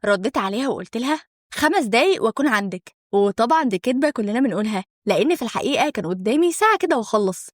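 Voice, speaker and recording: A woman's voice: a little high, expressive, very fast, few pauses, no echo, studio quality. A young woman with an Egyptian accent narrating a first-person story in a conversational, dramatic way.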